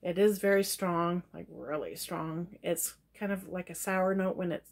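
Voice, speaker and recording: A middle-aged woman with a voice on the low side reviews products while talking casually to her webcam in a small, dim room at home. Her chat is relaxed and rambling, and she sounds tired and slowing down as she offers one opinion after another.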